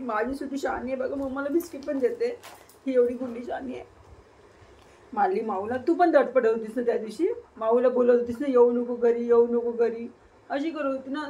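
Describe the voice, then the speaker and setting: Woman, high voice, tearful, cooing, casual vlog, soft sing-song. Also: low-quality recording. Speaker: vlogger. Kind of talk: casual vlog talking to viewers and her child.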